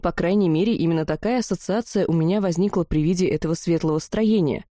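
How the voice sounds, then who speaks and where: A woman reading a fantasy audiobook in an even, measured way. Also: lowish voice, no room sound, clean studio sound. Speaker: audiobook narrator.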